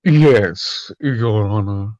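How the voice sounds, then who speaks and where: Man voicing Miles Edgeworth, slow haughty prosecutor. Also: fairly low pitch, muffled recording, heavy background noise. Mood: disdainful. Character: haughty, obstinate male rival prosecutor. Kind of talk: video game read-along role-play.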